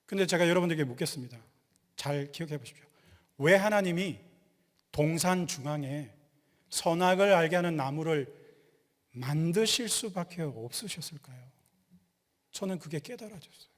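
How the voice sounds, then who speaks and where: Man pastor preaching, playful, keeps asking the congregation questions, voice a bit high, big echoey church hall. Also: normal speed, long pauses. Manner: lively, quizzes the congregation and jokes. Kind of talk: sermon. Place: church sanctuary. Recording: long hall reverb.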